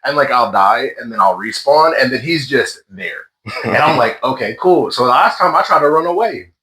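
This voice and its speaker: A man telling stories in a casual gaming chat, animated and exasperated, swearing freely. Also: mid-range voice, moderate pace, rough recording.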